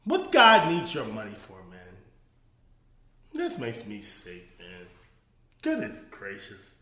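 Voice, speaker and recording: A man's voice: medium pitch, takes it slowly, echoey room. A man hosting a casual comedic commentary show, laughing often as he mocks what he talks about. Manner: laughing, animated, mocking. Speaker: podcast host.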